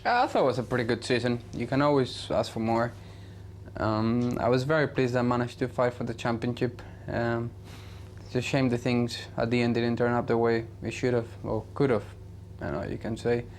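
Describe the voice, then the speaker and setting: Flat-voiced racing driver, casual interview. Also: male voice, medium pitch, normal speed, slight background noise. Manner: casual, lots of "you know". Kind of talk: interview answers.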